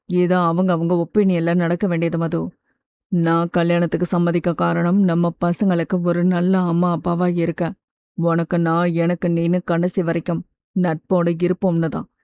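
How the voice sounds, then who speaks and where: Woman doing a calm, steady young man. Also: fairly low pitch, unhurried, dry recording, voice pushed down. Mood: soothing. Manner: steady, gently reassuring. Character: calm caring young man, patient friend. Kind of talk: audiobook character voice.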